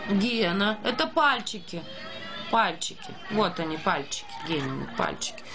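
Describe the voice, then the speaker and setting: A woman's voice: mid-range voice, sing-song, normal speed, over music. A woman reading and singing to a toddler, in a sing-song, child-directed way with simple repeated questions and animal sounds. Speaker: mother. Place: dim room at home. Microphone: handheld phone nearby.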